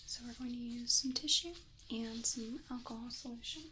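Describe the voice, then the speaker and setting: A woman in an ASMR role-play as an ear-exam clinician, speaking in a soft, breathy soft voice with a gentle, reassuring manner. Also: on the high side, a little hiss or hum. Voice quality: soft breathy soft voice, mostly unvoiced. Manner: gentle, unhurried, reassuring explaining.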